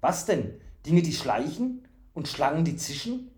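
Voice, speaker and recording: A man's voice: a little high, big pitch swings, measured pace, a little mellow, reverberant, pitched above the performer's own voice. A man voicing a simple-minded, childlike male fool from the forest, eager and full of repeated questions. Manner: eager, questioning, singsong repetitions.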